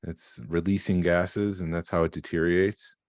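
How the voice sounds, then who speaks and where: A man's voice: deep voice, flat delivery, moderate pace, darkish tone, dry recording, clean studio sound. A man co-hosting a collecting podcast in casual chat, explaining things in a matter-of-fact way. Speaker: podcast co-host.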